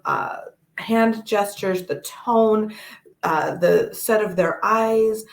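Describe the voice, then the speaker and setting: A woman giving a gentle, measured personal reading, pausing often with fillers. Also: lowish voice, gravelly, reverberant. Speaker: toe reader. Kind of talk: one-on-one reading to camera.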